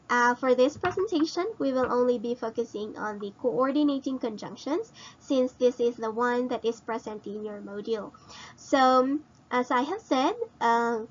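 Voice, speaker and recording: Slow, patient woman teacher, lo-fi. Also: fairly high pitch. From Philippines. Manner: explains slowly and repeats, asks students questions. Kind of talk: recorded grammar lesson.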